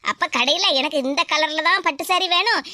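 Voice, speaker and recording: A woman's voice: high-pitched, a little fast, sharp tone, dry recording, clean studio sound. A woman voicing a cheeky, argumentative young cartoon girl with a Tirunelveli Tamil accent. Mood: chatty. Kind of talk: cartoon voice acting.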